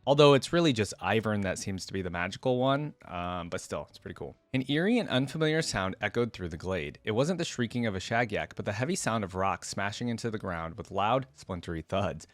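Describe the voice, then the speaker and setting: Animated and a little fast with hardly any pauses, a lowish-voiced man reads a story and comments on it in a relaxed, slangy style for his game lore reaction video. No echo.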